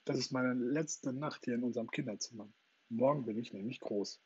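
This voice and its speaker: A husky-voiced man voicing a cheerful, eager young girl in a storybook reading, his voice lifted higher and brighter, on a dull lo-fi recording. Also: fairly quick. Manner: excited, raised voice.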